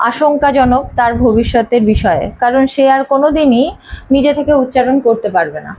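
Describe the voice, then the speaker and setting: Woman teacher, high voice, patient and repetitive, casual lesson, muffled lo-fi audio. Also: darkish tone, a little hiss or hum. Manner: patient, explains slowly, repeats sounds.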